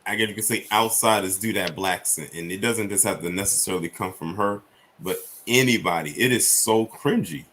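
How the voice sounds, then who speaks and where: Low-voiced man, careful and measured. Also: fairly bright tone. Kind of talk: casual chat.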